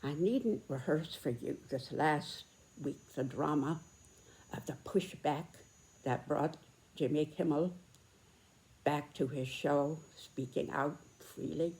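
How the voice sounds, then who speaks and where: A very old American woman in her nineties speaks in a low-pitched voice at a slow pace. She reflects and comments earnestly, choosing her phrases deliberately and stressing them between pauses. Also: darkish tone. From United States. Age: 90s, very old. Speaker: video host, personal commentator. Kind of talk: reflective spoken commentary and reminiscence to camera.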